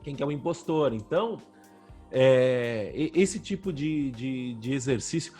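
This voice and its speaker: A man's voice: medium pitch, animated, a little slow, warm tone, breathy edge, faint music behind. A man co-hosting a podcast, talking casually with slang and lots of restarts. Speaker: podcast co-host.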